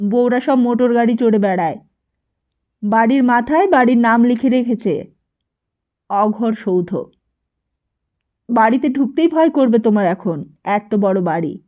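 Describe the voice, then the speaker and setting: Earnest young son pleading with his mom, a woman reading him, slow, lo-fi sound. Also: on the high side, close to an everyday voice. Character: earnest young man questioning his mother. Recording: dull lo-fi recording.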